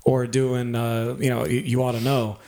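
A man's voice: mid-range voice, little pitch movement, normal speed, mellow. A man, a band member, explaining his views casually on a podcast, thinking aloud.

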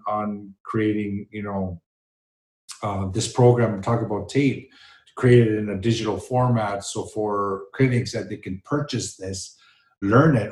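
Low-voiced male guest in an echoey room. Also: darkish tone. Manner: casual, hesitant, with fillers. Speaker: podcast guest, entrepreneur. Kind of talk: interview conversation.

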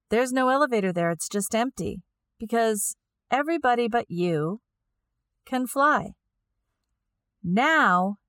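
A woman's voice: medium pitch, a bit bright, dry recording. Woman explaining ideas in a dry room. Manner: thinks aloud, repeats phrases while explaining. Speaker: lecturer. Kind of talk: explanatory lecture.

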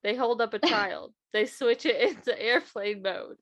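A woman co-hosting a comedy podcast, reading a silly bot-written airline safety script with deadpan delivery and giggles. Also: a little high, measured pace, dry recording, muffled recording. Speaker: podcast co-host.

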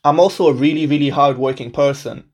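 His pitch is fairly high and fairly even, his pace quick, his tone a little mellow: a twenty-something podcast host from Portugal, a native Portuguese speaker, giving a casual solo introduction. He comes across upbeat and self-deprecating.

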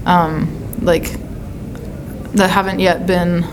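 A woman's voice: on the low side, flat delivery, takes it slowly, noisy background. An American woman from California answering as an interviewed songwriter, in a casual, thoughtful style with searching phrasing. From California, United States.

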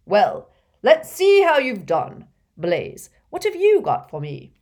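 A woman voicing a jovial, portly older male potions teacher with a hearty, booming manner. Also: wildly swooping pitch, takes it slowly, a little mellow, full character voice.

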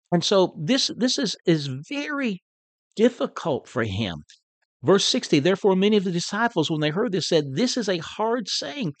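A man teaching on a Bible passage in an earnest, explanatory way, reading verses aloud and pausing to restart. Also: on the high side, no echo.

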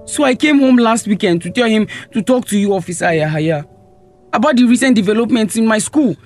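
A man's voice: high voice, lively intonation, fairly quick, a little mellow, soft background music. A young man with a Nigerian accent playing a resentful, neglected teenage son in a radio drama, confronting his mother. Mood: aggrieved. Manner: confrontational, accusing.

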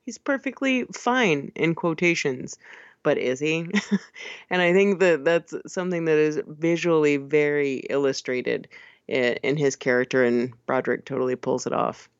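A woman's voice: low-pitched, fairly even intonation, normal speed, no room sound. A woman co-hosting a podcast, chatting casually about a film with frequent laughs and fillers. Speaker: podcast co-host. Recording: slightly dull lo-fi sound.

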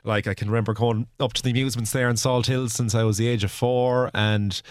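A man's voice: mid-range voice, fairly even intonation, fast talker, no echo, studio quality. A young man from County Mayo with a west of Ireland accent, chatting casually in a radio interview and often doubling back on his words. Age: young adult. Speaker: radio station team member, guest.

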